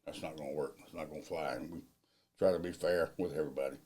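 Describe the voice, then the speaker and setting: At a quick pace, a middle-aged man who leads a field crew as general foreman chats about his work in casual interview answers. He's loud and plainspoken with a deep, low voice and folksy, loose grammar, staying mellow and laid-back the whole time.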